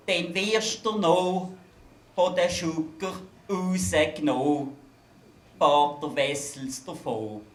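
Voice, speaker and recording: A man with a Basel Swiss German accent performs rhymed satirical carnival verses on an event stage, landing each punchline drily. His voice sits high and he takes his time with every line. The sound is roomy, with echo from a large hall. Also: a bit bright. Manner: wry punchline delivery.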